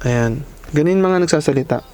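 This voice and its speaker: Talking directly to viewers he addresses as bosses, a man chats his way through unboxing and reviewing an inexpensive helmet intercom. His voice sits on the high side, a little mellow, at a moderate pace. Sound comes from a camera mic and at times the intercom earpiece, with slight background noise.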